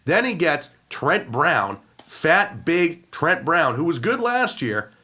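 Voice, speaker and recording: A man's voice: fairly high pitch, very animated, slow pace, pushed and bright. A man co-hosting a casual sports podcast, ranting in an emphatic, exasperated way. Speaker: podcast co-host.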